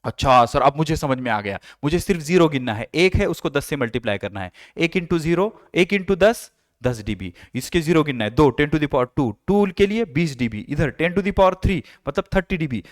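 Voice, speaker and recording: A man's voice: on the high side, expressive, moderate pace, no room sound, studio quality, lightly acted. A man voicing an eager young student who asks his teacher questions and repeats the sums back to himself.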